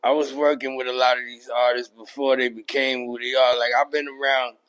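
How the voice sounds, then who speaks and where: A middle-aged man sits in as a podcast guest and looks back on his years in music. He speaks casually, circling his points with plenty of fillers and "you know what I mean." His voice sits at an ordinary pitch for a man. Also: level tone, fairly quick, a bit bright, clean tone, poor audio. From New York. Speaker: podcast guest, rapper and producer. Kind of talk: casual interview chat.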